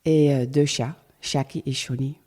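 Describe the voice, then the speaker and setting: Woman, middle-aged, Dutch accent, Dutch native speaker, very low voice, hesitant, lots of fillers. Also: steady tone, a little slow, mellow. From Netherlands. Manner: hesitant, searching for words with many fillers. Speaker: guest. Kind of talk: casual interview chat.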